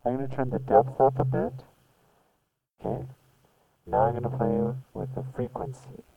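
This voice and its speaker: A man's voice: medium pitch, moderate pace, far from the mic, narrow, tinny audio. A man demonstrating audio effects, his voice run through a metallic, robotic ring-modulator filter as he talks casually through the settings. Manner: relaxed, trying settings aloud as he goes.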